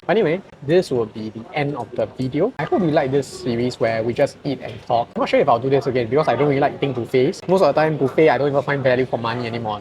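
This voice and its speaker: A man with a Singaporean English accent talks fast and chattily over lunch. He tells stories as a tutor and host and laughs often. Loud restaurant chatter fills the background. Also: medium pitch. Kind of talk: casual chat over a meal. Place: buffet restaurant. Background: diners talking.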